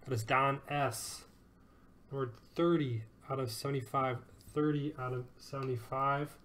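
A man's voice: mid-range voice, a bit bright, slight background noise. A man hosting a live sports card break, upbeat and joking as he calls out each card and who it goes to.

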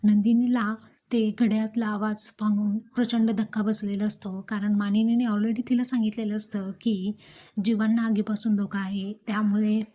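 A woman narrates the events of a television serial episode, reading the characters' lines aloud as she goes. Her voice is mellow and dark, and her pitch stays flat and even throughout. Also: normal speed. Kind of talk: storytelling recap of a TV serial episode.

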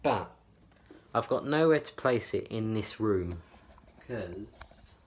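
A man's voice: lowish voice, animated, takes it slowly, slightly rough. A man chatting to camera from his small bedroom, rambling and repeating himself with lots of fillers. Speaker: vlogger. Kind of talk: casual chat to camera. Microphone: camera on a tripod.

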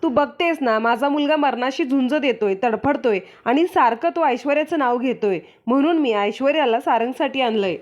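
An anxious, tearful mother, read out by a woman, who explains herself and apologizes in a high voice. Her talk is earnest and apologetic. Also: normal speed, few pauses, lightly acted. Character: tearful mother of a sick son.

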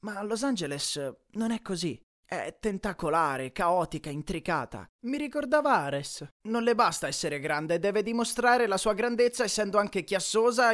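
A man narrating a first-person audiobook in a lively, expressive storytelling style. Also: high-pitched.

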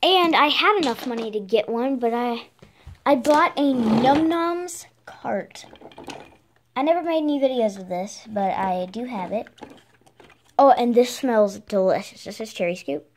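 A woman's voice: on the high side, lively intonation, a little slow, a little hiss or hum. Chatty female doll vlogger. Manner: chatty, talks to viewers and dolls as if real. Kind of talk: casual vlog chat.

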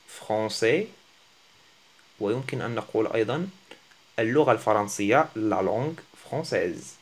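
Halting man teaching a French lesson. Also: lowish voice. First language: not Arabic. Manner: halting, searching for words, self-deprecating. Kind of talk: casual language lesson.

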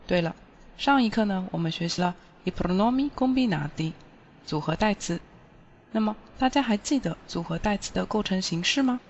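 A woman's voice: mid-range voice, lively intonation, moderate pace, a little mellow, a little hiss or hum. Woman teaching Italian, dull lo-fi audio. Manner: clear, explaining step by step. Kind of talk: recorded language lesson.

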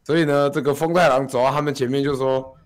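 A man's voice: mid-range voice, steady tone, fast talker. A male streamer laughing through a playful, improvised story relay with friends.

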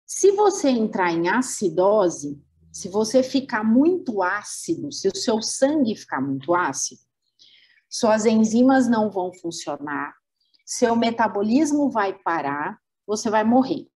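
Slow, husky Brazilian woman lecturing. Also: mid-range voice, big pitch swings, darkish tone. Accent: Brazilian Portuguese. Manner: didactic, rhetorical questions, acts out organs. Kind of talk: webinar lecture.

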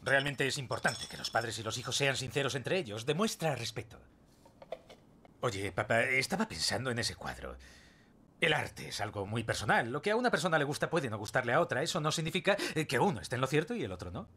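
A man's voice: medium pitch, very animated, fairly quick, bright, forceful tone, husky, full character voice. A man dubbing a pompous, wordy middle-aged son in Castilian Spanish, talking theatrically. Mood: earnest. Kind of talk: sitcom dub acting.

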